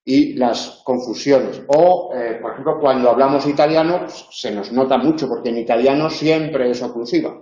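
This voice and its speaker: A man's voice: mid-range voice, mellow. Man lecturing in a roomy, dull-sounding room. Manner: explanatory, demonstrates sounds slowly. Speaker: university lecturer. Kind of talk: online tutoring lecture.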